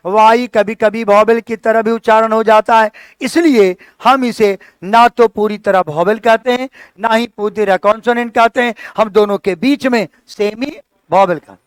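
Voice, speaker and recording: High-voiced man teaching a class. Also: fairly even intonation, a little slow, clean tone, no room sound. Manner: explanatory, asks students questions. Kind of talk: classroom lecture.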